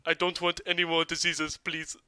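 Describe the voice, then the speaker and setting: A man's voice: on the high side, completely flat delivery, normal speed, sharp tone, clear, resonant tone, no room sound. A man voicing a goofy male tribesman surgeon with a put-on foreign accent, giggling between lines. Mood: giggly. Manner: giggling, mock-foreign accent, sudden whooping.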